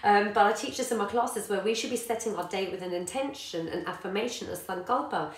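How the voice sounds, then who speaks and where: Speaking a little fast at a medium pitch, a woman who teaches yoga and is a parent talks informally to a live audience. The room is echoey, and she's warm and encouraging, peppering her speech with ums and greeting viewers by name.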